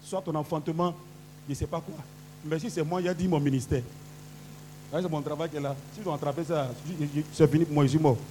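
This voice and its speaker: A man preaching as pastor, leading a congregation in call-and-response prayer, switching between quiet instructions and shouted declarations. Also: a little high, steady tone, quick pace, slight background noise. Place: church service. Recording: loud worship music underneath.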